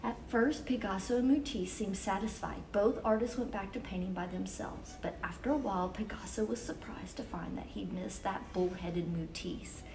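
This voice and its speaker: This woman hosts story time for kids, giving picture books an expressive reading with deliberate, measured pacing. Her mid-range voice is a little mellow, but the audio quality is poor.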